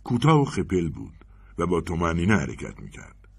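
Deep husky male storyteller. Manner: expressive storytelling. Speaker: narrator. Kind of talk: audiobook story reading.

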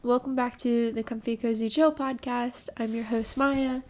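Young woman, podcast host, congested, casual rambling chat, fairly high voice, frequent ums. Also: fairly even intonation, moderate pace. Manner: rambling, many ums, apologetic asides.

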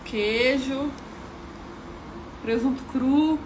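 A woman co-hosting a casual live chat from her home kitchen as a nutrition mentor, talking in a lively, slangy way. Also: high-pitched, drawn-out words, slight background noise, low-quality recording. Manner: lively, slangy, laughs easily.

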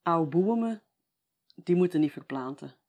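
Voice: mid-range voice, lively intonation, unhurried, a little mellow. A storyteller with a Flemish accent, telling a local tale in a chatty, folksy way, often adding a tag at the end of sentences.

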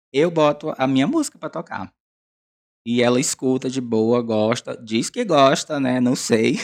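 A Brazilian man with a hoarse smoker's rasp, hosting a solo podcast in a casual, rambling, self-deprecating, confessional way. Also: mid-range voice. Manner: self-deprecating, chatty, digressive.

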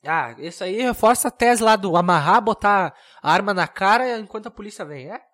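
A young man hosting a comedic solo podcast, rambling and mocking himself in a deadpan way. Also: high voice, fairly quick. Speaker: podcast host.

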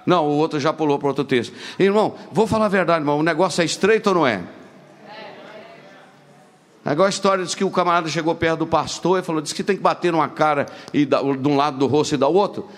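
Male preacher, fairly high-pitched, shifts between loud exhortation and hushed storytelling. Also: fast talker. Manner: reads verses aloud and comments, calls congregation "irmão". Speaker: pastor. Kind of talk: sermon.

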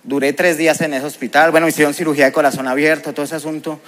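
A man's voice: a little high, little pitch movement, racing, fairly bright tone. A man with a Colombian accent giving a personal testimony as a preacher, telling it vividly and with emotion. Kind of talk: testimony sermon.

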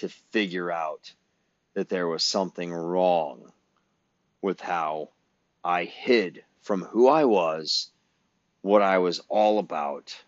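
Deep, slow-talking profane man. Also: no room sound. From Illinois, US Midwest. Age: 50s. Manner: blunt, profane, sarcastic. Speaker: podcast host. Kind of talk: ranting podcast monologue. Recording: dull, dry lo-fi recording.

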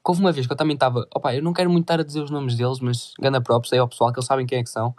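A man's voice: mid-range voice, steady tone, racing, a little mellow. A teenage boy with a European Portuguese accent telling a crude, rambling story in casual slang full of swearing. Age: teens.

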